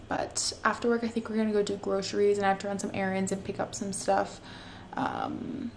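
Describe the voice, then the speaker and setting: In her living room, a young Canadian woman in her twenties vlogs to a close camera in a chatty, cheerful way, full of "like" and "you guys." Her voice is medium-pitched with vocal fry, and there's slight background noise.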